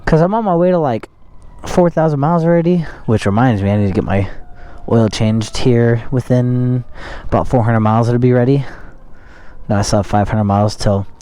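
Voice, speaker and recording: A man's voice: mid-range voice, normal speed, clear, resonant tone. A young man riding a motorcycle and talking inside his helmet, chatting casually and rambling with lots of fillers. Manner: rambling, filler-heavy, laid-back. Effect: muffled, talking inside a motorcycle helmet. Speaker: motovlogger. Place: outdoors riding a motorcycle on city roads. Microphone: helmet-mounted mic. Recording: loud wind and traffic noise while riding.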